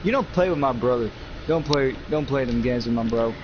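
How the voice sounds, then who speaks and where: An eighteen-year-old man co-hosts a gaming session, chatting casually over gameplay at a fairly quick clip with a medium-pitched voice. He's earnest and emphatic and repeats himself a lot, captured on a noisy, muffled lo-fi mic.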